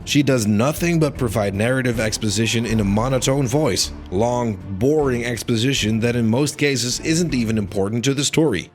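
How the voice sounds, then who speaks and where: A man's voice: medium pitch, normal speed, few pauses. A man narrating a scripted video game review in an opinionated, critical manner. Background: faint background music.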